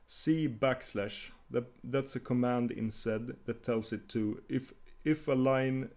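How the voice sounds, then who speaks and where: A man talks through a coding screencast in a mid-pitched voice, explaining each command as he types. He hesitates often and restarts his phrases, and keyboard clicks come through behind him. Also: slow pace, darkish tone. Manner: hesitant, many fillers and restarts while typing. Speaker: tutorial host.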